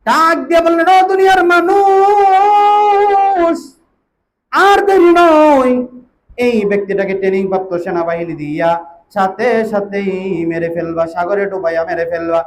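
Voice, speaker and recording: A man with a high, ringing voice delivers a storytelling sermon, slipping into sing-song chanting and sudden loud calls to his listeners. Faint ambient sound sits behind him. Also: a little hiss or hum. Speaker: preacher. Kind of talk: Bengali waz sermon storytelling.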